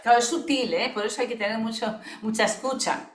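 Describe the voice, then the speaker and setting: A woman, a singing therapist giving a webinar lesson in a thoughtful, unhurried way, often checking in with her listeners by asking if they follow. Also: a little high. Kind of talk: teaching talk. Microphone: video call microphone. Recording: echoey room.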